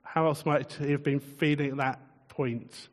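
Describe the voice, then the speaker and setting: A man preaching a sermon in a relaxed, conversational way, chuckling often and putting questions to his listeners. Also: a little high, unhurried, big-room sound.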